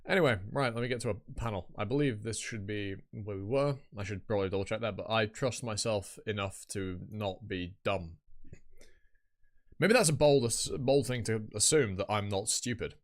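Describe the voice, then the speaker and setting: A man's voice: fairly low pitch, normal speed. A man, chatting casually and rambling on a live reaction stream, swearing and mocking himself.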